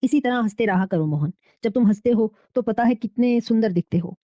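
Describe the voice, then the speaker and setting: A woman voicing a tender, jealous, lovesick female spirit who speaks softly and with longing, in a storybook reading. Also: fairly high pitch, no echo, natural voice. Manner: tender, longing, speaks with Sanskrit-flavoured words. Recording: dull, dry lo-fi recording.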